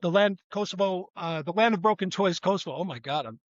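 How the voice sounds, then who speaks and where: A man's voice: high voice, brisk, dry recording, highs cut off. An older man, a retired police detective, talking as an interview guest in a rambling, self-correcting way. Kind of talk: conversational interview.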